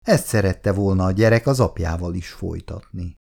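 A man reading a novel aloud as narrator in an expressive, animated reading voice. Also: low voice, vocal fry.

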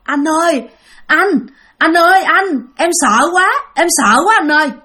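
A woman's voice: high voice, animated, moderate pace, voice pushed up. A woman voicing a terrified young man whose shaky voice sounds close to tears as he pleads urgently. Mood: frightened.

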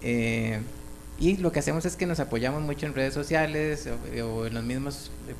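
A Costa Rican man as a radio show guest, relaxed and laughing easily as he explains things. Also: mid-range voice, normal speed, vocal fry, a little hiss or hum. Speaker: guest, clothing brand representative. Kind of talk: casual radio interview.

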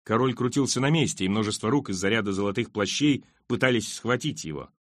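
A man reading a fantasy novel aloud as an audiobook, in a steady, expressive storytelling manner. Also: fairly low pitch, brisk, no room sound, clean studio sound. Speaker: audiobook reader. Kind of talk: dramatic audiobook narration.

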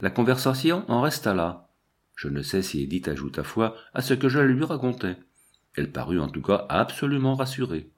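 A man reading a novel aloud in a measured, storytelling way. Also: on the low side, big pitch swings. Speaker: audiobook narrator. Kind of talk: scripted narration.

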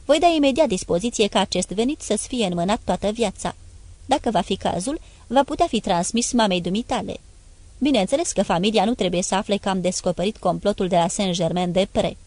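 A woman's voice: medium pitch, a little mellow, dry recording, close to an everyday voice. A woman voicing a cold, domineering old man who speaks to his son in a curt, cutting, commanding way. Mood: icy commanding.

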